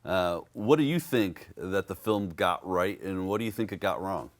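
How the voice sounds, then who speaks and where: Low-voiced man hosting an interview. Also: expressive. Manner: measured, hesitant questions with fillers. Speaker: host. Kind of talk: public affairs interview.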